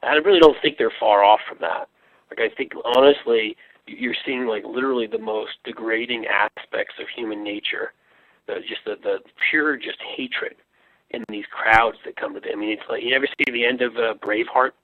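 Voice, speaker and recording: A man appearing as a guest on a political talk show who speaks heatedly and haltingly, repeating words before he lands his point. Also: mid-range voice, no room sound. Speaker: guest commentator. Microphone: phone line. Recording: tinny phone line.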